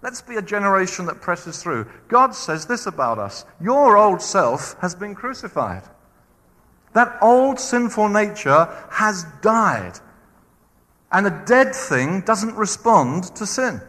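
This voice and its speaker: A man's voice: sits high, takes it slowly, in a large hall. A man preaching a sermon, acting out quoted voices as he goes. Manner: animated, acts out quoted voices.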